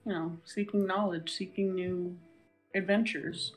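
A woman playing a tabletop game, talking in a hesitant, halting way and giggling now and then. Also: on the low side, steady tone, soft background music, poor audio. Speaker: player. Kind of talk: tabletop role-play, in and out of character.

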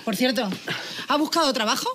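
An incredulous, quick wife. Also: female voice, high voice, fairly bright tone. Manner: incredulous, questioning. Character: skeptical working wife, incredulous. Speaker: sitcom wife. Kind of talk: sitcom acting.

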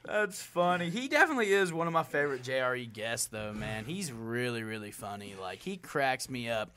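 A man's voice: mid-range voice, sing-song, fairly quick, a crowd in the background. A young man hosting a podcast in casual chat, laid-back and full of "bro" and "dude". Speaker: podcast host.

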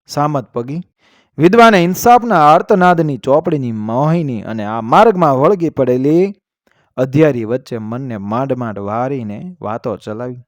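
A man reading a story aloud, expressive, lifting his voice when he quotes someone. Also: mid-range voice, normal speed, dry recording, studio quality.

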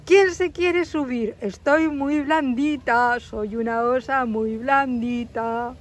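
A woman voicing a gentle, kind mother bear who soothes and reassures in a toy-play story. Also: high voice, slow pace, a little hiss or hum.

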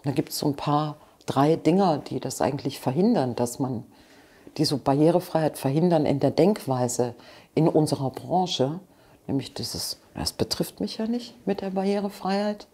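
Seated in a living room, a woman answers interview questions with passion and candor, restarting and adding asides. Her low-pitched voice is mellow and slightly rough, with lively intonation and a moderate pace.

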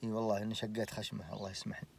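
A man in his late twenties with a Saudi accent, telling a personal story casually, animated and full of oaths. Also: lowish voice, racing, creaky, slightly rough. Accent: Saudi Arabic. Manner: animated, swears oaths, laughs through the story.

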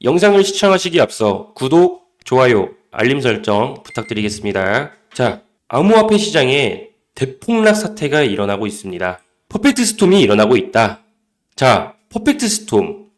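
A man's voice: medium pitch, very animated, normal speed. A man presenting scripted crypto market commentary, emphatic and full of rhetorical questions.

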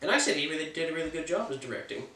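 A man's voice: on the high side, big pitch swings, racing, bright, forceful tone, recorded from a distance, slight background noise. A man talking casually as a film reviewer, chatty and opinionated, with offhand jokes. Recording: roomy sound from off the mic.

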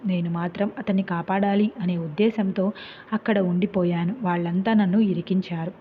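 A woman voicing a gentle young husband earnestly confessing in a storybook tale, with a tinny phone-like sound. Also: lowish voice, a little hiss or hum, lightly acted. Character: young husband, gentle, loving, feigning madness.

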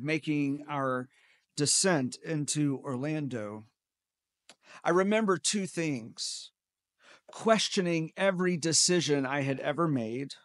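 A middle-aged male pastor delivers a sermon from a church pulpit, speaking into a gooseneck microphone. His voice sits a little high and moves at an unhurried, deliberate pace, with a dry, close sound. He tells personal stories with a gentle, wry humor. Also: dry recording. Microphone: pulpit gooseneck mic.

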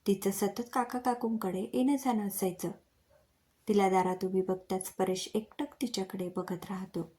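A woman with a Marathi accent reading a story aloud and voicing each character herself. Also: normal speed. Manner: reads all characters with lively shifts in pitch. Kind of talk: scripted story narration.

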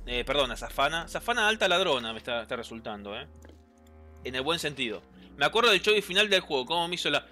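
A man with a Rioplatense Spanish accent giving chatty, excitable gameplay commentary, reading game lines aloud and answering chat. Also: a little high, fast talker, faint music behind. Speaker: gameplay streamer.

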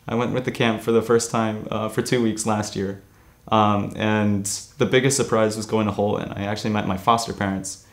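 Earnest teenage boy, low voice. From born in Korea, raised in New Jersey. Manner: earnest, many "um" pauses. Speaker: interviewee. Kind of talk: reflective interview answers. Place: studio against grey backdrop.

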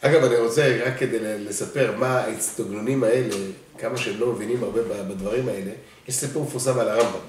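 Brief: male rabbi, animated sermon storyteller, distant mic, very echoey study hall. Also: mid-range voice, few pauses, slight background noise. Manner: animated storyteller, acts out voices.

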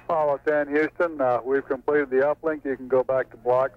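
A man's voice: medium pitch, level tone, a little fast. Male mission controller, terse protocol delivery, heard through a crackly, breaking-up space radio transmission. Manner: clipped, matter-of-fact. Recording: noisy lo-fi radio link, distant.

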